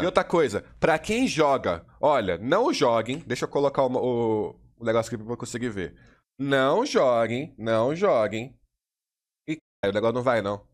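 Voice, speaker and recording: A man with a Brazilian Portuguese accent coaching a video game while playing, slangy and casual, drilling the same steps over and over. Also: mid-range voice. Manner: slangy and casual, demonstrating while talking, keeps saying "look" and "you know"; direct, repetitive drilling of steps. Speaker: competitive gaming coach. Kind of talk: live gameplay tutorial. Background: faint in-game gunfire and mouse clicks.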